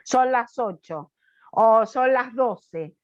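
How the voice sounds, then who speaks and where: A woman teacher giving an online class, slow and questioning, checking often that students follow. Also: on the high side, animated. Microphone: video call. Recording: dull lo-fi video call audio.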